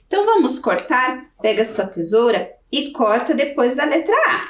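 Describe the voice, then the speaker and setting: A woman's voice: sits high, sing-song, moderate pace, slight background noise. A Brazilian woman teaching a children's video lesson, giving patient step-by-step instructions. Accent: Brazilian Portuguese. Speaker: primary school teacher. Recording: roomy, from off the mic.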